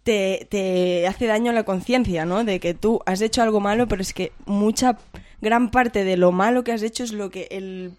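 A speaker of unclear sex, thinking aloud casually in a tentative, halting way. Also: mid-range voice, steady tone, darkish tone, no echo. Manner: tentative, halting, self-correcting. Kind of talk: casual reflective discussion.

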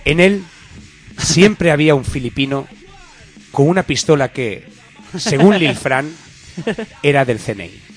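A man co-hosting a comedy radio show, playful, slangy and animated, acting out scenes as he talks. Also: a little high, measured pace, pauses often, soft background music.

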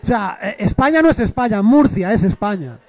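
A man's voice: high-pitched, very animated, brisk, darkish tone, no room sound. A man co-hosting a casual comedy chat, joking and rambling with many restarts. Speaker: co-host.

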